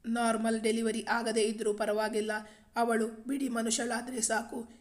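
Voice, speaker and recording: A woman's voice: on the high side, flat delivery, measured pace, lightly acted. A woman playing a worried mother. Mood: pleading. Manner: anxious, questioning. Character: worried middle-aged mother.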